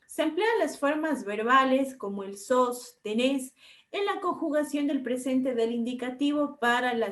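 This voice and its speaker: High-voiced woman teacher explaining, echoey. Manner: explanatory, checks in with frequent tag questions. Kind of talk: online class lecture.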